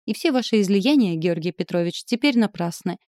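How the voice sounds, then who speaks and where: A woman's voice: medium pitch, expressive, fairly quick, a little mellow, no echo, clean studio sound, close to an everyday voice. A woman reading the lines of a flustered, indignant young noblewoman, raising her voice above her narration. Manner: pleading, then sharply indignant. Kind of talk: audiobook character reading.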